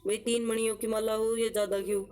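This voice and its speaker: A woman's voice: a little high, level tone, mellow, low-quality recording. A woman teaching an exam-prep lesson, drilling terms with memory tricks, asking questions and answering them herself. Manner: explains slowly with rhetorical questions and answers; repeats words to drill them.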